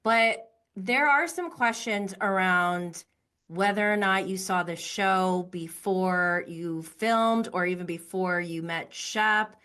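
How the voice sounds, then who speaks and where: A woman's voice: medium pitch, takes it slowly, fairly bright tone, smooth. A woman interviewing casually, with a sympathetic, informal manner.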